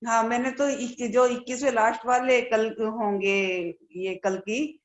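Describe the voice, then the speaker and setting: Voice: mid-range voice, steady tone, slow, roomy sound, muffled recording. A student in a scripture class, replying hesitantly and trailing off mid-word.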